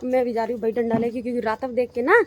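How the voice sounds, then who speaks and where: A woman's voice: a little high, flat delivery, rapid-fire, a little mellow, slight background noise, rough recording. A young woman narrating her family's day at home in a rural house, chatty and repeating herself for emphasis. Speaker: family vlogger. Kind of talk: casual vlog narration. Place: rural home with cattle yard and kitchen.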